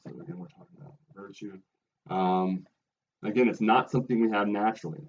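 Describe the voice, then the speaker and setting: A deep-voiced man delivers a recorded philosophy lecture with earnest emphasis. He keeps checking in with his listeners as he explains, and the sound is somewhat dull and lo-fi. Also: a little fast, slight background noise. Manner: earnest, emphatic, with frequent "right?" and "okay?" checks.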